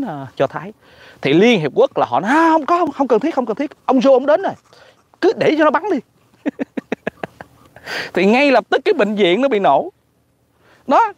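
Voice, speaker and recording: A man with a Southern Vietnamese accent gives casual political commentary in an animated, mocking, exclamatory way. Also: on the high side, dry recording.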